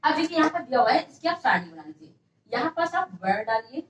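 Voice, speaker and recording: A woman's voice: high-pitched, very animated, fast talker, roomy sound, recorded from a distance, a little hiss or hum, poor audio. A woman teaching an exam-prep grammar lesson, repeating each question and answering it herself.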